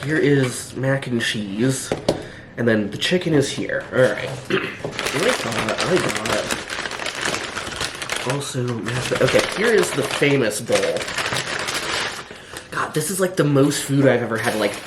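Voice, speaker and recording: With a mid-range, animated voice, this hungover reviewer talks slowly and pauses often. His unscripted take on the food is rambling, hesitant, and dryly sardonic, packed with filler words, and recorded with roomy echo and faint noise in the background.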